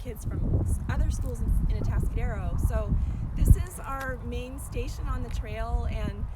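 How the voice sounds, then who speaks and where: Distant, high-voiced woman guiding outdoors in wind. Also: unhurried. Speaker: education manager and nature trail guide. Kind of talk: informal guided nature tour. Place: outdoors on an oak woodland trail. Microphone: camera a couple of metres away. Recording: distant mic, loud outdoor wind noise.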